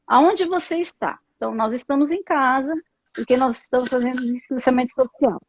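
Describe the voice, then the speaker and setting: A woman psychologist guest, Brazilian Portuguese accent, speaks briskly in a high-pitched voice. Thoughtful yet full of fillers and tag questions, she is heard over dull lo-fi video call audio with no room sound.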